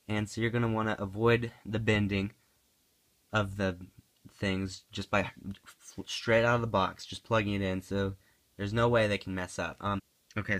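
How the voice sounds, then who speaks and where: A man giving a casual unboxing and setup tutorial, excitable and chatty, often poking fun at himself. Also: on the low side. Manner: excitable, chatty, self-mocking. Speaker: gaming YouTuber.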